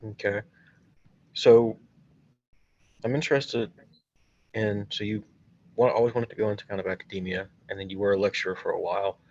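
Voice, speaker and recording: A man's voice: on the low side, little pitch movement, normal speed, pauses often, darkish tone, dull audio. A young man in his twenties, a graduate student moderating a seminar interview over a video call, asking loose questions with restarts.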